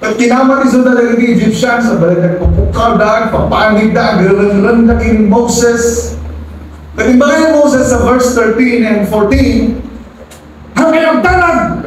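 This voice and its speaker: A man's voice: high-pitched, slight background noise. A man preaching a sermon as pastor, dramatic and switching into English, who acts out quotes in a raised voice. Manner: mixes English into local speech. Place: church service. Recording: echoey hall, mic from far off.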